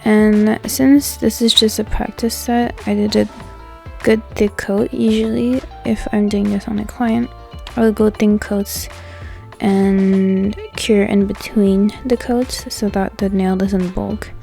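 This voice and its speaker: A young woman, a nail technician, narrates a casual, chatty tutorial over background music, leaning heavily on "like." Her medium-pitched voice is steady, slow, gravelly and dark, and a swollen mouth slightly hampers her speech.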